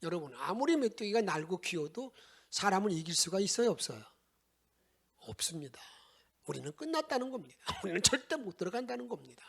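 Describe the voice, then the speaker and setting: A man preaching a Sunday sermon as pastor, animated, moving between loud exclamations and hushed asides. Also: sits high, a little fast, creaky. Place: church sanctuary.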